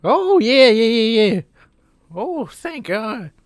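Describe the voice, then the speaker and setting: A man's voice: extremely high pitch, big pitch swings, slow, no echo, studio quality, heavily acted. A man voicing a simple, folksy grown brother with a drawling rural dialect and fretting exclamations, in a tabletop game. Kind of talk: tabletop role-play voice.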